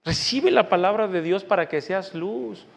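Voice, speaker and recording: A pastor preaching emphatically, jumping from loud rhetorical questions to quiet asides. His voice sits fairly high for a man. A long church-hall reverb hangs on his lines. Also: moderate pace, gravelly. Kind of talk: sermon.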